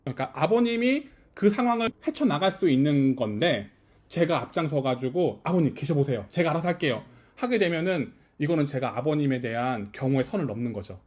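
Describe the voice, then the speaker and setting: Lively male pastor, chatty small-church sermon. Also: a little high, fairly quick. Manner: keeps checking with listeners, asking if they follow. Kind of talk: conversational sermon. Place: small house-church service.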